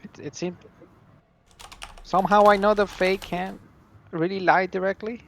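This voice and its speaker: A man playing a tabletop game in casual chat. He halts often and fills gaps with ums. His voice is a little high. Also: level tone, measured pace, gravelly, fairly bright tone. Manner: hesitant, with many ums. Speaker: player.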